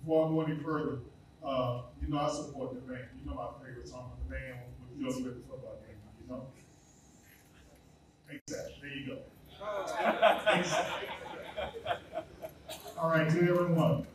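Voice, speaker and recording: A man's voice: medium pitch, normal speed, pauses often, background noise. Man coach saying thanks from his notes, laid-back, distant mic, lots of echo. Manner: relaxed, plain, reading from notes. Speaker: athletic director and coach. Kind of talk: off-the-cuff thank-you speech. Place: school gathering space with a live audience. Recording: echoey room, voice from far off.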